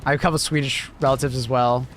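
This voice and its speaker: A young Canadian man whose mild accent is close to American chats casually on a live stream, speaking quickly at medium pitch with fairly even intonation and a slightly bright tone. He's laid-back and rambling, full of fillers and chuckles, with slight background noise.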